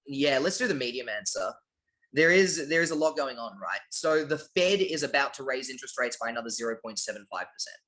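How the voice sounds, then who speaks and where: A man's voice: mid-range voice, lively intonation, fairly quick, bright, forceful tone, poor audio. An Australian man talking casually as an interview guest, his phrases often rising in upward inflection at the ends. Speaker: interview guest, finance project lead.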